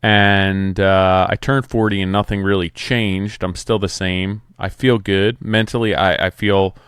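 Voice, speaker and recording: A man's voice: deep voice, steady tone, unhurried, fairly bright tone, smooth, dry recording, clean studio sound. A man in his forties hosting a solo podcast about his building trade, talking in a plainspoken, conversational way. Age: 40s. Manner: plainspoken, conversational, some restarts. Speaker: podcast host, home builder. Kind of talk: casual solo podcast talk.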